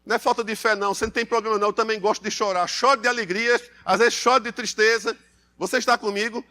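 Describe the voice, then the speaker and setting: Brazilian male pastor, high bright voice, emphatic church sermon. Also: steady tone, fast. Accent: Brazilian Portuguese. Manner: emphatic, repetitive, addresses congregation as beloved.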